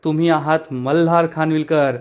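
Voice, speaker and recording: A man reading out the lines of a tipsy young woman at a party, in his own narrating voice and a little high-pitched. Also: steady tone, moderate pace, smooth, lightly acted. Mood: gushing.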